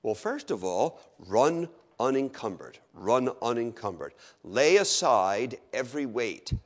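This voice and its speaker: A middle-aged man preaching a sermon, acting out his listeners' objections in an animated way. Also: medium pitch, a little slow.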